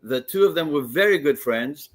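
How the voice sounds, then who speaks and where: A man's voice: fairly high pitch, animated, normal speed. An older man from Greece, a wrestling commissioner, talking eagerly as a guest on a sports talk show and telling stories with many restarts. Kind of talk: casual radio interview.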